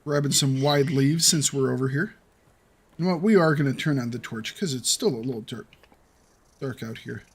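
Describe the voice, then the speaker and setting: A man's voice: mid-range voice, moderate pace, husky. A young adult man giving playful let's play commentary, taunting the animals in his game. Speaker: gaming video host.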